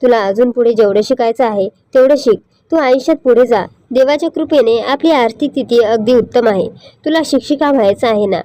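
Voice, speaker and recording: A woman voices a young husband in a told story, apologetic and earnest. The voice is mellow and sits a little high. The sound is close and dry. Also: a little fast, dry recording, close to an everyday voice. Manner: pleading, earnest.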